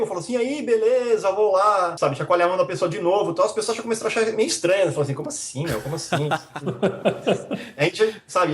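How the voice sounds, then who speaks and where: Podcast guest: Brazilian man, São Paulo accent, rapid animated storyteller, slightly high-pitched. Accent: São Paulo Portuguese. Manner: animated storytelling, many fillers like cara and bicho. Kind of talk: casual interview chat. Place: remote, abroad.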